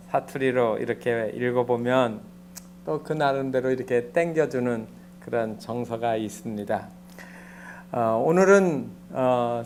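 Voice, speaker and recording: A male pastor preaching a Sunday sermon in a church sanctuary, soft-spoken and measured, with frequent pauses. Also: mid-range voice, slight background noise.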